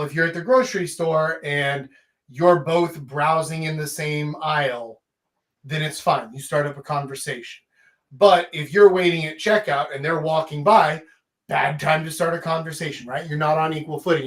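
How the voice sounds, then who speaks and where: A man hosting an informal live coaching talk, speaking emphatically and often checking in with a quick question tag. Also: fairly high pitch, fairly even intonation. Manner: emphatic, checks in with "right?", casual swearing. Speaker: host, dating and life coach.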